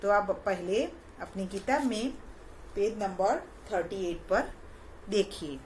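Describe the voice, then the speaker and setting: A woman teaching young children in a recorded lesson, patient and repeating each sound with clear stress. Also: medium pitch, slow, a little mellow, slight background noise. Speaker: kindergarten teacher.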